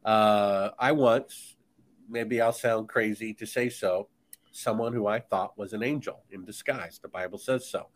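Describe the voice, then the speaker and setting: A man's voice: on the low side, fairly even intonation, measured pace. A man speaking as a guest author in a podcast conversation, talking in an emphatic, insistent, preachy way.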